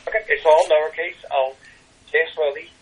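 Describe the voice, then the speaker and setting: A man's voice: a little high, steady tone, brisk, slight background noise, low-quality recording. An older man, a tarot reader guest, talking casually in an interview with many ums and restarts.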